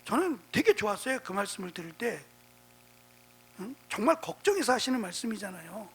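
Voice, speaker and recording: Husky-voiced male pastor preaching. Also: sits high, sing-song, fairly quick. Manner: conversational preaching with frequent rhetorical prompts. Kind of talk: Bible exposition sermon.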